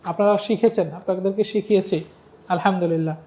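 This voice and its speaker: A teacher from Bangladesh leading a Quran reading lesson, slowly drilling each Arabic letter with its vowel sound and often stopping to check that the learner is following. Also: mid-range voice, fairly even intonation, dark tone. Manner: coaxing, repeats and checks on the learner. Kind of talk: step-by-step recitation lesson.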